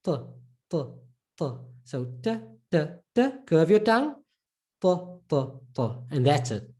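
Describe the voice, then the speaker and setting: A woman's voice: sits low, very animated, measured pace, mellow. A woman teaching a live online pronunciation lesson, patiently drilling each sound by repeating it again and again. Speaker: Arabic teacher.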